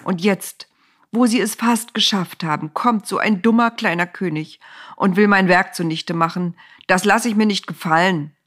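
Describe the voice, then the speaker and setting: A woman's voice: medium pitch, moderate pace, a bit bright, natural voice. Woman voicing a roaring, grumbling storybook God. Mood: indignant. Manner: roaring then whining. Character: grumbling moody God, male, easily angered. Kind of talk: storybook reading.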